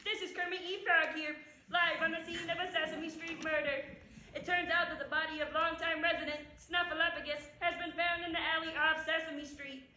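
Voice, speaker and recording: A frog TV reporter played by a woman delivers the news in a bright, very high voice with a news-anchor cadence. The echo of a roomy space surrounds him. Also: steady tone, normal speed, a little hiss or hum. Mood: newsy. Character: male frog TV news reporter, earnest and breathless. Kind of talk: humorous prose speech performance. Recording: roomy echoey room.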